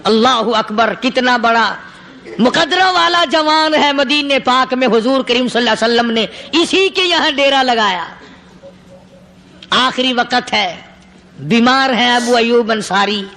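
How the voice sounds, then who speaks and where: Man preaching, high piercing voice, punchy rhythmic repetition. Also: bright, forceful tone, long reverb tail. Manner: emphatic, rhythmic, repetitive lists. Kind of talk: sermon.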